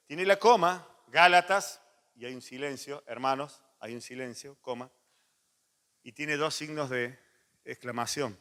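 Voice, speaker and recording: A man, a pastor preaching a sermon, animated and moving between loud emphasis and soft asides. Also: mid-range voice. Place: church hall. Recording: long church reverb.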